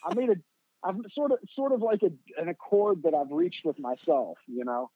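A man's voice: high voice, big pitch swings, moderate pace, dry recording, narrow, tinny audio. A man with a Kentucky accent telling casual, humorous stories as a podcast guest, self-deprecating and folksy, swearing freely. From Kentucky, United States.

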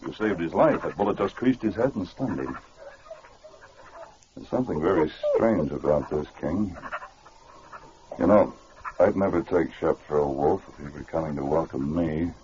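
An actor playing a steady, commanding Mountie sergeant in an old-time radio adventure. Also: male voice, rumbling low, normal speed, pauses often. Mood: pensive. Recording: muffled, noisy old radio recording.

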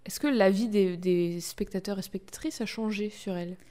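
A woman's voice: mid-range voice, moderate pace, dark tone. A woman co-hosting a podcast in casual chat, outspoken and sarcastic, swearing freely. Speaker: podcast co-host.

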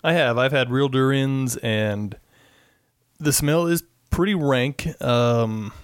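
A man co-hosting a casual podcast, dry and teasing in manner. He speaks at an average pitch, and the sound is dry and close. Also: takes it slowly, clean tone, no room sound. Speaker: podcast co-host. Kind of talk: casual chat.

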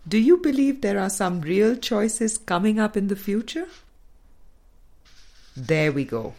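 A woman narrates a spiritual book from a script, reading deliberately and pausing between phrases. Her voice sits fairly low, as befits an audiobook reader.

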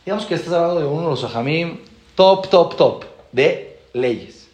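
In an echoey room, a rabbi teaches a class through stories, speaking at a moderate pace. He's animated, shifting his pitch as he acts out each character's lines.

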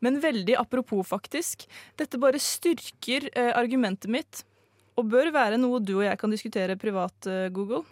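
A woman's voice: a little high, darkish tone, no room sound, clean studio sound, close to an everyday voice. A woman playing a theatrical male amateur sleuth who speaks in an earnest, dramatic, speechifying way, in a live comedic radio play.

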